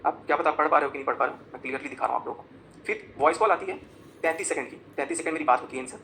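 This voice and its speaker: A man talks at a racing clip in a bright, cutting, somewhat high voice, agitated and accusatory. He walks through chat screenshots on his phone during a live confessional rant, jumping between emphatic outbursts and quick muttered asides. A faint hum sits behind him. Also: low-quality recording. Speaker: vlogger.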